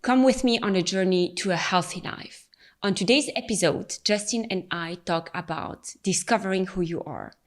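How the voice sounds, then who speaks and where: A woman's voice: medium pitch, normal speed. A woman hosting a podcast, asking curious questions and laughing along with her guest. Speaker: podcast host. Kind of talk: podcast interview.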